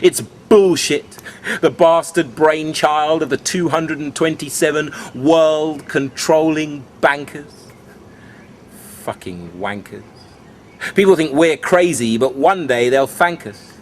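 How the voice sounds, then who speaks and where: A man with a fairly high voice performs rhyming spoken-word verse like a cool beatnik. He stretches phrases for drama and confides in the listener like a mentor sharing a secret. There is clear noise behind him. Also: takes it slowly. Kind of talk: rhyming stand-up beat poetry performance.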